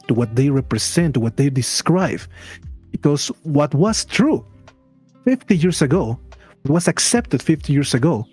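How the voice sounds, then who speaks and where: A man giving opinions in a casual discussion, deliberate and emphatic, repeating phrases to press his point. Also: fairly high pitch, darkish tone, breathy edge. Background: background music.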